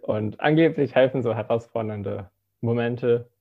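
Recorded on narrow, tinny audio, a soft-spoken young Filipino-raised man in his twenties shares his testimony as a student ministry intern. His medium-pitched voice is gravelly and unhurried, and he hesitates often, leaning on fillers.

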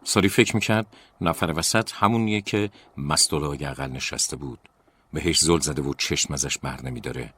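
Very deep-voiced man reading scary stories. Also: slightly rough. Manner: slow, dramatic, hushed storytelling. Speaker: storyteller. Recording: crickets chirping in the background.

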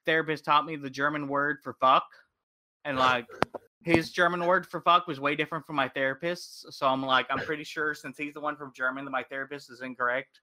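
Bright-voiced young man chatting casually. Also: a little high, fairly even intonation. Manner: rambling, swears freely, quick jokes. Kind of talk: casual podcast chat about memes.

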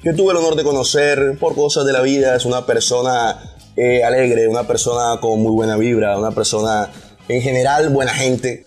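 Male interview host, Barranquilla coastal accent, mid-range voice, informal delivery over faint music. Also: medium pitch. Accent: Colombian Caribbean coast, Barranquilla. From Colombia. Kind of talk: casual interview hosting.

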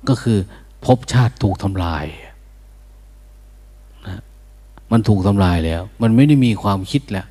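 Old monk giving a laid back dharma talk, low voice, chuckles, slips into chanting to show how it goes. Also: male voice, animated, a little slow, pauses often, mellow. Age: older. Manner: easygoing, chuckling, breaks into chant to demonstrate. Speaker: Buddhist monk.

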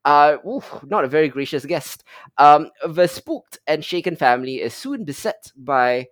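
A man giving a measured film synopsis and review, often pausing on "um". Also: fairly high pitch, lively intonation, fairly bright tone, no room sound. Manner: measured, summarizing with frequent "um".

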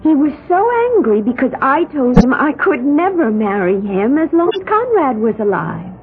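An actress with a high, very animated voice speaks at a moderate pace, playing a serene, odd young woman who hides a strange secret in a 1970s radio drama. The mood is calm, her manner placid, matter-of-fact, and faintly dreamy, and the old radio recording sounds thin and phone-like.

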